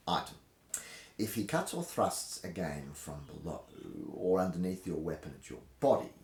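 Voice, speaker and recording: A man acts as a reader-host, opening with a casual intro before launching into a dramatic reading of an old fencing manual, a historical treatise. His delivery is theatrical and emphatic, with wide pitch swings and dramatic pauses. The indoor recording sounds roomy, with clear echo around his voice.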